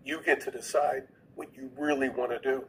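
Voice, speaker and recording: A man's voice: mid-range voice, steady tone, normal speed, a bit bright, a little hiss or hum, poor audio. A man who is a podcast guest, earnestly explaining an idea and often repeating words as he goes.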